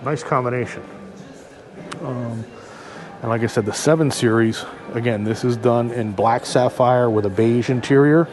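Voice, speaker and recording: Talking through a face mask indoors, a man with a mid-range voice vlogs an unscripted, casual walk-through of a car dealership, moving from the showroom to the outdoor lot and pausing to think aloud as he looks around. The handheld recording uses a mic with a furry windscreen and picks up ambient noise and music.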